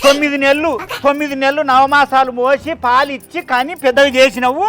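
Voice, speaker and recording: A man playing a fierce village mother who scolds and threatens loudly, with a Telangana Telugu accent. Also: extremely high pitch, level tone, a little fast. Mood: furious. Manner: shouting threats and curses. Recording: loud background music.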